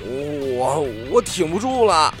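A man's voice: on the low side, steady tone, normal speed, soft background music, natural voice. A man voicing a worn-out dog who whimpers and complains in a strained way.

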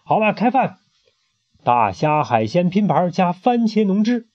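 A squealing, bossy queen, put on by a man reading a storybook aloud, pitched high and swooping all over. She snaps out commands in a petulant, spoiled way. The recording is muffled and lo-fi. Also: very animated, unhurried, darkish tone. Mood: bossy shrill. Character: haughty, spoiled, childish woman queen.

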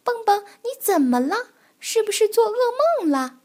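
Small excitable storybook animal pal, high and lively; woman puts it on. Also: moderate pace. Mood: caring. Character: small toothless animal friend, eager and caring.

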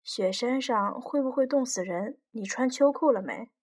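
A woman voicing a soft-hearted twenty-year-old girl who pleads in a weepy way. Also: a little high, normal speed, breathy edge. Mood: worried.

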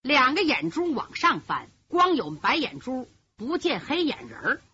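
A woman's voice: high-pitched, very animated, unhurried, sharp tone, slight background noise. A woman telling a traditional martial arts story in a vivid, dramatic way. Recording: dull lo-fi recording.

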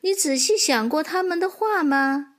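A woman voicing a wise, patient mother horse in a children's storybook, speaking gently. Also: sits high, expressive, moderate pace, pitched above the performer's own voice. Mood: gentle.

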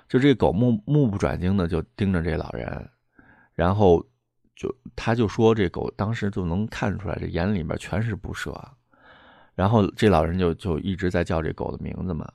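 A man's voice: low-pitched, creaky, darkish tone, dry recording, clean studio sound. A man casually retelling a ghost-hunter story, wandering through fillers and restarts. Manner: meandering, full of fillers and restarts.

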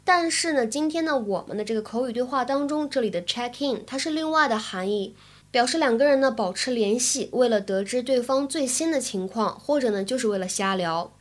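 Woman English teacher, slightly high voice, clear and careful explanations. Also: expressive, fairly quick. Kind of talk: language lesson.

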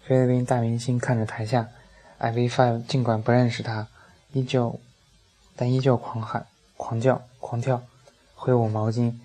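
A man's voice: mid-range voice, little pitch movement, normal speed, dark tone, low-quality recording. A man narrating a humorous first-person travel story, dry and comic in his delivery.

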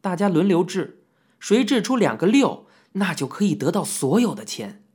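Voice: mid-range voice, big pitch swings, moderate pace, darkish tone, breathy edge. An audiobook narrator telling a first-person memoir in a reminiscing storytelling manner, with occasional asides to the listener.

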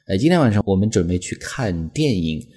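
A man teaching English phrases as a lesson, explaining patiently and reading example sentences slowly. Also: deep voice, sing-song, dark tone, husky. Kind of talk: language lesson.

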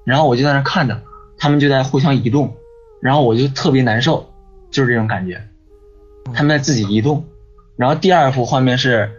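A husky, mid-pitched man appears as a guest on a ghost-story podcast, casually recounting a personal tale at length. He rambles, repeats himself and keeps saying "你知道吗" ("you know?"), over dull lo-fi audio with faint music behind.

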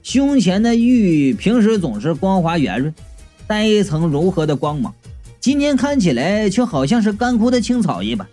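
A woman reading a comic story aloud in an animated, exclamatory storyteller's manner. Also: mid-range voice, moderate pace, soft background music. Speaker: audiobook reader.

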